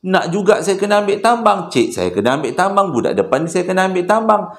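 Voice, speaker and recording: A man's voice: high voice, very animated, quick pace, pitched above the performer's own voice. A man voicing a frightened old male unlicensed taxi driver who cries out prayers in panic. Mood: insistent. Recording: roomy echo.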